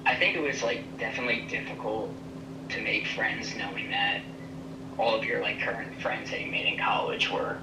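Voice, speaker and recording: Young man on a phone speaker, far off and roomy, hesitant casual chat, low voice. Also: steady tone, background noise. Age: young adult. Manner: hesitant, many likes and pauses. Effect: heard over a phone speaker held to the mic. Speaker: friend called in as guest.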